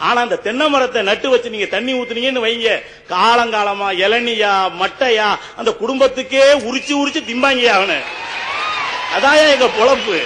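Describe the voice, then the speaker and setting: A man's voice: extremely high pitch, moderate pace, pushed and bright, long reverb tail, a little hiss or hum. A man giving a humorous, rhetorical debate speech on stage and often turning to address the judge.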